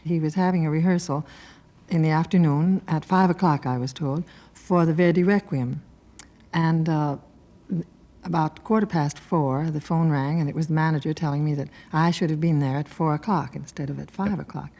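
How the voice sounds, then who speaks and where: Low-voiced woman singer recalling. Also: fairly even intonation, normal speed, warm tone. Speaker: opera singer guest. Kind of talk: storytelling reminiscence. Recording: 1960s radio broadcast transfer.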